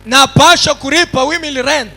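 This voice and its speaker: Church interpreter guy, very high bright voice, shouts the lines back fast. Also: vocal fry, soft background music. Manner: echoes each phrase quickly, often shouting. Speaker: sermon interpreter. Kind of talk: live interpretation of a sermon.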